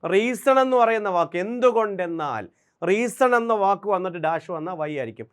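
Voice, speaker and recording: A man with a Malayali accent, a native Malayalam speaker, teaching English grammar for exams, drilling examples and asking quick questions. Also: sits high, expressive, clean tone. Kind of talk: exam-prep grammar lesson.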